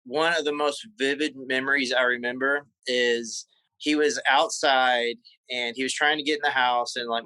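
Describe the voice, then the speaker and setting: A man from the Carolinas speaks candidly as an interview guest. He circles back and restarts his sentences while he remembers. His voice is bright and forward, recorded close and dry. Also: mid-range voice, dry recording, low-quality recording. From South Carolina. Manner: candid, halting, many restarts and fillers. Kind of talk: conversational interview storytelling.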